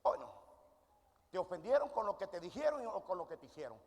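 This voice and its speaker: A high-voiced male preacher delivers a sermon in a church hall, quizzing the congregation and answering his own questions. His voice carries a gravelly edge. A long reverb trails every phrase. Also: big pitch swings, brisk, darkish tone. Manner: asks questions and answers them himself, demonstrating with volunteers. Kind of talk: sermon with audience call-and-response.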